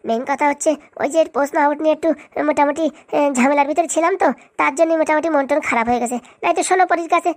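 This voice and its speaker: A woman's voice: high-pitched, racing, natural voice. A woman voicing a proud, self-justifying mother-in-law in a cartoon. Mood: placating. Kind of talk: cartoon voice acting.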